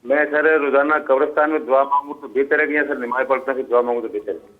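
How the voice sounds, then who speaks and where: A man's voice: mid-range voice, steady tone. Man, caller from Pakistan, tinny phone line with dropouts, polite, hesitant. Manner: polite, hesitant, repeats himself after the line cuts. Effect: phone line with dropouts, voice cutting out. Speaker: caller to a religious phone-in show.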